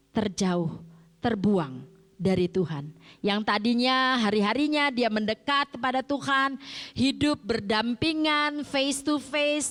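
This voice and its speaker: A middle-aged woman preaches in an easy, conversational tone, often posing a question and answering it right away. Her voice sits a little high. The sound rings out with the long reverb of a church hall. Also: fairly bright tone. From Indonesia, grew up in Jakarta. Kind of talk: sermon. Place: church sanctuary.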